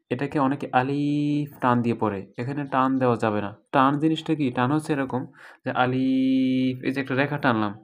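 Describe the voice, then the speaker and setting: Man teaching letter sounds slowly. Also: medium pitch. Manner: explains patiently, drawing out letter sounds slowly as examples. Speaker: Quran reading teacher. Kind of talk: recorded online lesson.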